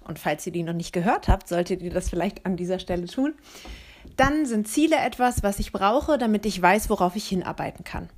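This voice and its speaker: Woman, young adult, solo podcast host; clear, explanatory, talks straight to the listener. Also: mid-range voice.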